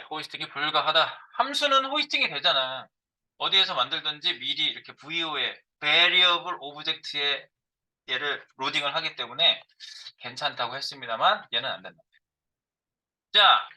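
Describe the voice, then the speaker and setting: A middle-aged man teaching a programming class, his very bright voice sitting a little high. His pitch swings widely as he talks through code while typing. He keeps asking his students questions and then answering them himself. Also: low-quality recording. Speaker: programming instructor. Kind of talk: live coding lecture.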